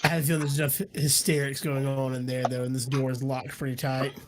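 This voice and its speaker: A man's voice: mid-range voice, little pitch movement, fast talker. A man playing a tabletop game in casual talk, rambling and restarting his sentences. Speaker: player.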